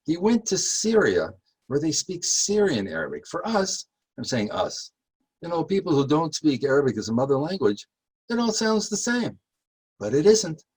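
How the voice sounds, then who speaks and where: Husky-voiced man giving a rambling history talk. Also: fairly high pitch, sing-song, darkish tone, low-quality recording. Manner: chatty, halting with many fillers, rises when emphatic. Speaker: tour guide.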